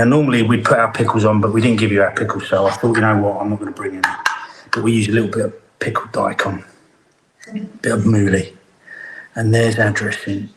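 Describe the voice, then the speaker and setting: A man's voice: fairly low pitch, very echoey, slight background noise, rough recording. A man, a head chef, chatting his way through a live cooking demonstration as he plates up food in a kitchen. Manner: chatty, talks while plating food. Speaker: head chef hosting a cookalong.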